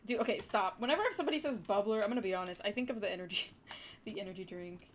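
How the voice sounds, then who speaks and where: A woman's voice: medium pitch, fast talker, slight background noise. A young woman with a Wisconsin accent, a livestreamer chatting casually with her viewers and rambling between topics. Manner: rambling, talks to chat with lots of "like" and "dude".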